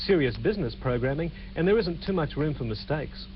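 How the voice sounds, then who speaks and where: A man reporting an entertainment news story on TV, heard through a low quality stream of the broadcast. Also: lively intonation, dull audio, very noisy. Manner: measured, clear scripted delivery. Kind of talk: TV news report narration with chat to the anchor.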